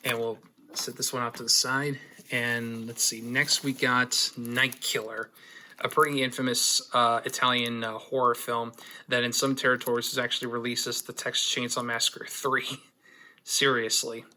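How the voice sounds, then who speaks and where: A man's voice: medium pitch, level tone, moderate pace, pushed and bright, a little hiss or hum. A man hosting his own unboxing video, chatting casually with lots of fillers and dry, sarcastic asides.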